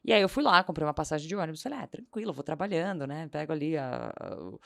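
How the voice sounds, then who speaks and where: A woman tells a story at a quick clip as a guest on a casual interview show. Her voice has a gravelly, creaky texture, and she acts out the lines of the people in her story. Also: deep voice. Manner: animated anecdote-telling, acting out quoted dialogue. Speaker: podcast guest.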